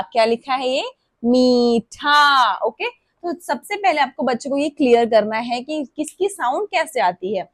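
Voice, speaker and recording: A woman teaching parents how to explain vowels to young children, drawing out and repeating example words slowly. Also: high voice, no room sound, clean studio sound. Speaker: preschool Hindi teacher.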